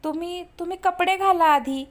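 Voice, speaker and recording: A woman voicing a shy, eager young bride who speaks gently and politely. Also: extremely high pitch, normal speed, voice pushed up. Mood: gentle.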